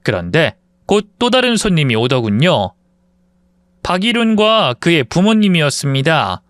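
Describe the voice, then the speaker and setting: A man narrating a dramatic true story in a plain, lower storytelling voice. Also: very animated, unhurried, fairly bright tone, no echo, studio quality.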